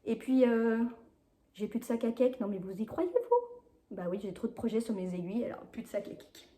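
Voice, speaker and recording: A woman hosts a casual knitting vlog, or podcast, showing her projects in a chatty, hesitant way full of fillers and frequent laughs, sometimes rushing and apologizing for talking fast. Her voice is on the high side with a dark tone, recorded in an echoey room at home.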